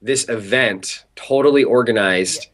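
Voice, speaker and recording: A young man from Southern California, a guest telling an animated story in an interview, talking in a chatty way full of filler words. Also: mid-range voice, measured pace.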